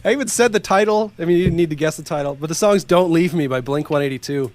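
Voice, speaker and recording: A man co-hosting a podcast, playing a casual song-guessing game and teasing his friend, with frequent laughter and slow dramatic lyric readings. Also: fairly high pitch. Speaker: podcast co-host.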